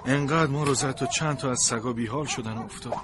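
A man narrates a storybook from a sled dog's point of view, in an expressive, plaintive way. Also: medium pitch, over a noisy crowd.

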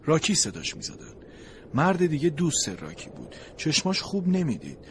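A man narrates a storybook from a sled dog's point of view, in an expressive, plaintive way. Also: medium pitch, a little hiss or hum.

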